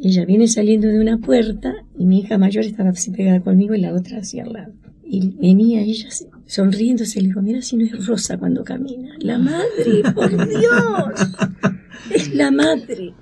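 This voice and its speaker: Older argentine lady from chaco, gravelly rough voice, tells her story and acts out the voices, jumps up high in the quotes. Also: steady tone, fast, dark tone. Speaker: interviewee, grandmother of a found granddaughter. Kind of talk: emotional interview storytelling.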